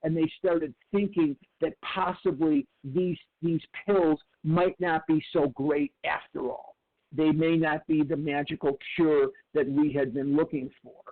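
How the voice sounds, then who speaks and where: A man in his sixties tells his own recovery story in a candid, emphatic way, circling back over phrases. His voice sits a little high for a man. The sound is narrow and tinny, as if heard down a phone line. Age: 60s. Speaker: recovery speaker. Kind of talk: personal recovery share.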